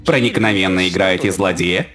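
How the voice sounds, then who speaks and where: An actor voicing a calm, analytical male AI robot companion with a computer-processing, machine-like delivery in an anime dub, over loud music. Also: low voice, fairly quick. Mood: dry. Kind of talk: anime voice dubbing.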